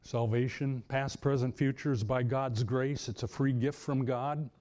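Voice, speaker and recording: Mellow-voiced man preaching a halting sermon. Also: fairly even intonation. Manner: halting, many restarts, rises high for emphasis. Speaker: pastor.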